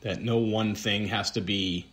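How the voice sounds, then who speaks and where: A man with a Boston accent talks in a low voice, co-hosting a relaxed podcast. He rambles through his points with plenty of ums and pokes fun at himself. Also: unhurried. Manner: rambling, self-deprecating, frequent ums. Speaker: podcast co-host. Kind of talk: casual conversation.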